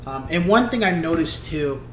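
A man in his thirties giving a casual album review from a seated spot at home, talking in a halting, thoughtful way with many restarts. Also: fairly high pitch, animated, roomy sound, a little hiss or hum. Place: small home room, seated indoors.

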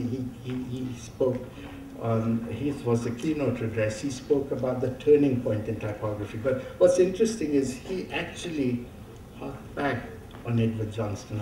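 A man speaks into a lectern mic in a large auditorium, his voice mellow and soft-edged. He reminisces in a halting way, with many fillers and restarts. The sound is roomy and distant, picked up from far across the hall, with faint background hiss. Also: mid-range voice. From India. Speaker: keynote speaker. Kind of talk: conference keynote talk. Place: large dark auditorium stage. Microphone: lectern microphone, heard from far off.

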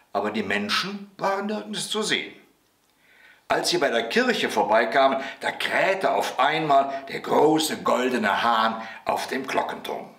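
A man reading a bedtime story aloud in a gentle, expressive way. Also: on the low side. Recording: roomy echo.

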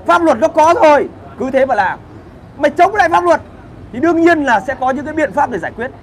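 A man rants in a high, pushed voice, crude and combative. He hosts a casual livestream from outdoors. Traffic and street noise sit loudly behind him. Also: expressive, fairly quick. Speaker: livestream host answering viewer comments.

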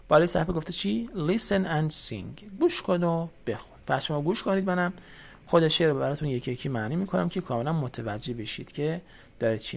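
Gravelly man teaching English words slowly. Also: fairly high pitch. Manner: slow repeated English words, then Persian meanings. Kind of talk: children's English lesson.

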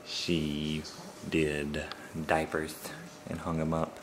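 A young man with a very low voice rambles easily through a casual vlog. His talk is loose and full of fillers, caught on a camera with clear background noise and car hum. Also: drawn-out words. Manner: rambling, relaxed, filler-heavy. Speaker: vlogger. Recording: noisy home video, car noise.

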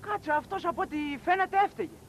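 Henpecked husband, weary, pleading, very high voice. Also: male voice, animated, fairly bright tone, a little hiss or hum. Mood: exasperated. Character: exasperated, henpecked middle-aged husband.

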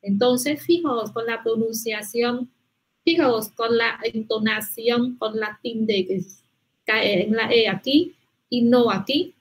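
Slow, husky woman teaching a class. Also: fairly high pitch, rough recording. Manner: patient, repeats "muy bien" and "¿vale?" often. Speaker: Spanish teacher.

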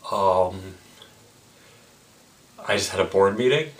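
A tipsy man in his twenties rambling casually to camera, halting and repeating himself with mock-indignant asides. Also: low-pitched. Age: 20s. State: tipsy from drinking. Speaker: vlogger. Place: small indoor room with block wall, seated close to camera.

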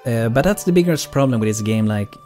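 Male game streamer, mellow soft-edged tone, mid pitch, casual rambling commentary, faint music behind. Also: lively intonation, a little fast. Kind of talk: casual live gameplay commentary.

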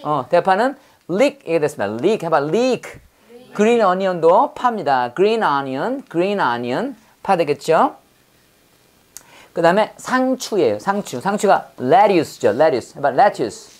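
Lively woman drilling English words. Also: on the low side, slow pace. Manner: lively, playful, tells pun stories and acts out quoted voices. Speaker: English teacher. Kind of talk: classroom vocabulary lesson with call-and-repeat drills.

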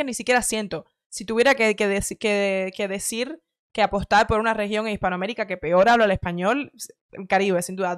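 She's in her thirties, comes from Cuba, and carries a light Cuban Spanish accent as she hosts a clip-reaction segment. The talk is casual commentary, brisk, chatty and full of strong views, and she keeps correcting herself mid-sentence. A mid-range voice comes through a headset and arm-mounted studio mic in a home studio room with shelves, with no room sound.

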